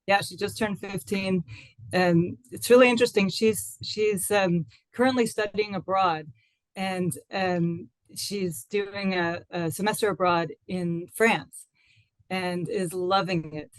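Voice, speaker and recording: This is a woman in her forties from the United States, giving a relaxed, reflective interview. Her voice sits in a middle pitch and is recorded close and dry. She often pauses with fillers and restarts her phrases as she thinks. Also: no room sound, low-quality recording. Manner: thoughtful, many restarts and fillers. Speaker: guest. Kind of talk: casual interview talk.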